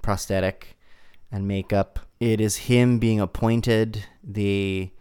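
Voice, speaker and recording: A man co-hosting a casual chat about films, relaxed and joking, thinking aloud as he goes. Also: on the low side, takes it slowly, smooth. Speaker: podcast co-host. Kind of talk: casual film review chat.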